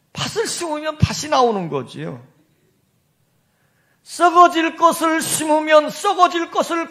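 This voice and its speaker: A woman's voice: on the high side, gravelly, a bit bright. A woman senior pastor preaching a sermon, telling stories and addressing the congregation directly. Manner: storytelling, addresses congregation, leads call-and-response.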